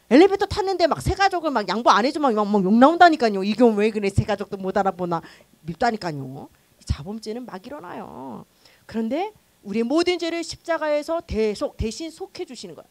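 Animated high-voiced woman pastor. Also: no room sound. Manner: animated, conversational, acts out quoted voices. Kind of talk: teaching a new-member church class. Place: church classroom.

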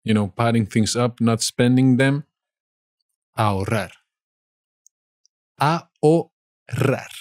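A man from Spain with a Spanish accent, teaching vocabulary in a slow lesson and saying each word twice. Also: medium pitch, a little mellow, dry recording, clean studio sound.

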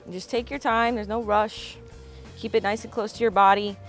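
A woman's voice: mid-range voice, flat delivery, normal speed, faint music behind. A young woman hosting a fishing and cooking vlog, enthusiastically explaining each step as she fillets fish and makes sushi. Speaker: fishing and cooking channel host.

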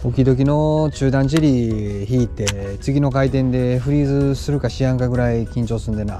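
A young man with a Kansai accent chatting excitedly while fishing outdoors on a lake, with quick exclamations. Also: mid-range voice, over music. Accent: Kansai Japanese. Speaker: fishing vlogger. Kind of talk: casual commentary while fishing.

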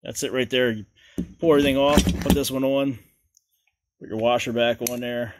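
Hosting a home repair video from a garage, this man talks in a casual, folksy how-to style full of filler words. He speaks at a normal speed in a medium-pitched voice, but the recording is very noisy.

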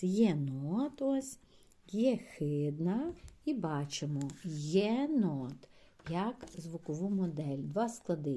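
A woman primary school teacher giving a phonics lesson to young children, drawing out syllables slowly and calling the pupils her dear ones. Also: low voice, warm tone, a little hiss or hum. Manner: slow, patient, drawn-out syllables and sounds.

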